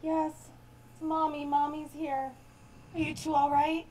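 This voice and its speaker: A woman's voice: high voice, completely flat delivery, a little slow. A woman playing a menacing mother in a film trailer, coaxing her children in a falsely soothing way. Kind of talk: film acting in a movie trailer. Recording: noisy film trailer audio.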